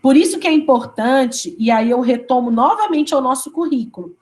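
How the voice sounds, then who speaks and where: A woman's voice: high-pitched, expressive, moderate pace, darkish tone. A woman teaches an online class for teachers. She explains patiently and step by step, and she keeps checking in with short tag questions. She sounds like she is talking on a video call. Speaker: teacher trainer. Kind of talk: online teacher training lecture.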